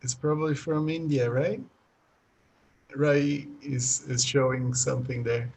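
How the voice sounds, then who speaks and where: A man's voice: medium pitch, steady tone, measured pace, a little mellow, slightly rough. A man from Brazil, an English teacher, hosting a friendly chat on a video call with some hesitant restarts.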